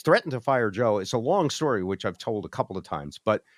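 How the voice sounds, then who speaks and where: On a video call with a group, a middle-aged American man who used to host radio casually recalls old times, acting out past conversations as he goes. His low-leaning voice is sing-song and brisk, with no room sound.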